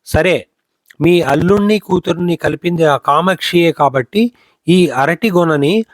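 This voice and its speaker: A man's voice: fairly high pitch, unhurried, natural voice. A man voicing a revered elderly male sage who laughs and gives commands in a storybook reading.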